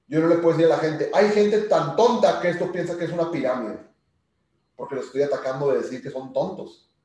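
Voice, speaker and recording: Echoey, distant man giving a sales talk. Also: on the high side. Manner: animated, speaks directly to listener. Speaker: sales trainer. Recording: very echoey room, distant from mic.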